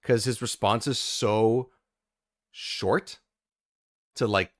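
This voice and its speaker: Man, casual podcast chat, lowish voice, ums and laughs, dry close mic. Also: fairly even intonation, drawn-out words, no room sound. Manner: rambling, lots of ums and laughs. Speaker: podcast panelist.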